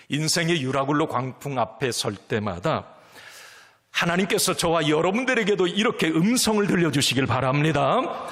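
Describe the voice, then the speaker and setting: A man preaching a sermon as pastor, emphatic, swinging from loud calls to near whispers, in a church sanctuary. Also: fairly high pitch, big-room sound.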